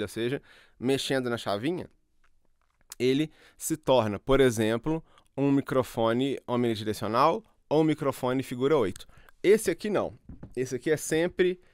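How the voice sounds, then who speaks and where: A man teaching audio, talking straight into studio microphones and then stepping back or around them as he explains. His voice is smooth and clear, at a middle pitch. The room sounds dry and close. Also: dry recording. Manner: explanatory, moves around the mics, level swings with distance. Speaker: audio tutorial host. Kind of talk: hands-on demonstration. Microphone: studio microphones at shifting distances.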